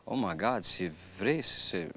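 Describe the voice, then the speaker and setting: Man, Cajun French accent, low pitch, animated storyteller, faint ambient noise. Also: measured pace. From Louisiana. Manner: animated, acts out quoted voices. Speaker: actor telling his story. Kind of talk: casual storytelling interview.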